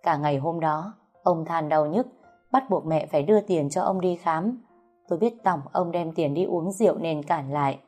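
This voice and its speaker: A woman giving measured, plaintive first-person narration of a family story. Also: low voice, darkish tone, soft background music.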